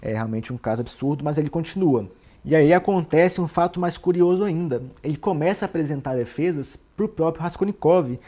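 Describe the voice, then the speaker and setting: A man's voice: fairly high pitch, animated, brisk, mellow. A man with a Brazilian accent discussing a classic novel in a casual, explanatory way, often ending sentences with tag questions and restarting words. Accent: Brazilian Portuguese. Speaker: literature commentator.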